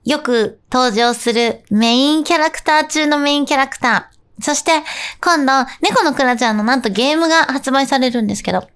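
A young woman with a high, bright-sounding voice hosts a casual radio segment. She talks in a bubbly, playful, chatty way. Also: brisk, clean tone. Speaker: radio host and live streamer. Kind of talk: casual radio chat with quiz.

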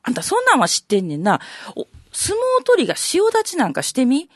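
Woman playing know-it-all Kansai elder, rakugo, condescending, lively, dry. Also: high-pitched, a little fast, dry recording, heavily acted. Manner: condescending, bluffing, storytelling. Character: know-it-all older Kansai man bluffing an explanation. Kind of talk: rakugo storytelling.

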